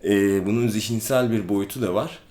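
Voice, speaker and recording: A man talks calmly to the camera, explaining at an easy pace. He pauses often with hesitant fillers. The sound is roomy, with echo from the space around him. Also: on the low side. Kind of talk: casual explanatory vlog. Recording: echoey room.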